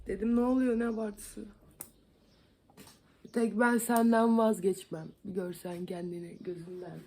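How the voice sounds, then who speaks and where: A woman's voice: mid-range voice, little pitch movement, a little slow, darkish tone, slight background noise. A young woman from Van chatting and joking with viewers while doing her makeup at home in a casual vlog. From Van, Turkey. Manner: chatty, joking, self-mocking. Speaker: beauty vlogger. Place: home, indoors.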